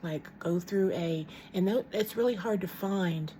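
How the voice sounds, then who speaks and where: A woman's voice: lowish voice, unhurried, dark tone, a little hiss or hum. A middle-aged woman vlogging at home in casual chat to camera, rambling and frank, with many ums and restarts.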